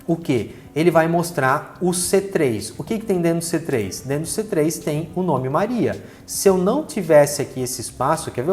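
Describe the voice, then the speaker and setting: A man in his forties teaching a spreadsheet lesson over a screen recording, chatty, tossing in little fillers as he points at the screen. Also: fairly high pitch. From Brazil. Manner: chatty, repeats fillers like "né" and "ó" while pointing things out. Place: small room with green backlight.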